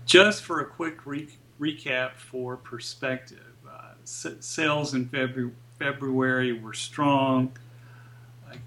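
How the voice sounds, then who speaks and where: A man speaking as a guest economist in an interview, explaining data in a measured, deliberate way. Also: mid-range voice, fairly bright tone.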